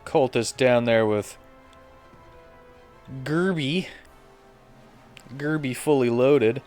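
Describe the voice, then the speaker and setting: A man narrates a tabletop role-playing game as its game master, staying playful and adding sound effects to the combat. His medium-pitched voice is a little mellow, and he draws out his words. Background music runs under the recording.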